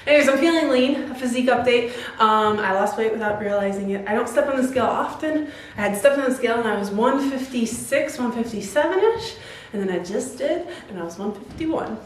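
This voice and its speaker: A woman's voice: fairly high pitch, lively intonation, brisk, hardly any pauses, far from the mic. A woman talking casually and informally to the camera and her partner as a home workout vlogger, giggly and free with swearing. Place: indoors at home, echoey room. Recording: very echoey room, off-mic, faint hiss.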